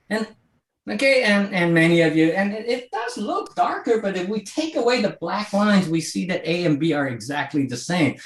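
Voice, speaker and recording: A man in his sixties from Hong Kong gives a conversational presentation to a virtual audience over a video call, often checking in with "okay?". His voice is high-pitched, and the room sounds echoey.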